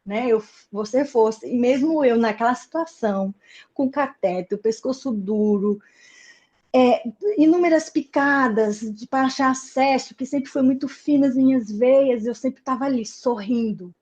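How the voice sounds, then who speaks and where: Woman, Brazilian Portuguese accent, high voice, interview guest, earnest and emotional, restarts her sentences, muffled recording. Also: measured pace, a little mellow. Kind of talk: personal life story told in an interview.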